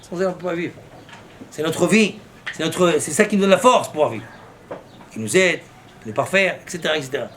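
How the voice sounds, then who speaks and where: A man's voice: on the high side, brisk, pauses often, a bit bright, slight background noise. A man, a rabbi, giving an impassioned sermon, breaking into fervent rhetorical questions and mixing in Hebrew terms. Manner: mixes Hebrew terms into his speech.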